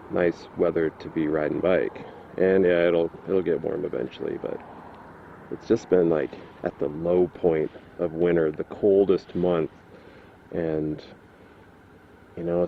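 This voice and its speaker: A man's voice: sits low, narrow, tinny audio, slight background noise. A man chatting casually while riding a motorcycle, rambling and easygoing as he thinks aloud, picked up on a helmet mic. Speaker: motorcycle vlogger. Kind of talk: casual motovlog chat.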